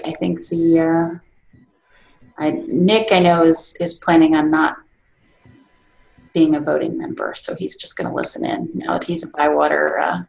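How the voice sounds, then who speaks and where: A woman chairing a casual online group meeting, relaxed and chatty, laughing often. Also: sits low, creaky, roomy sound, low-quality recording. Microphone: video call.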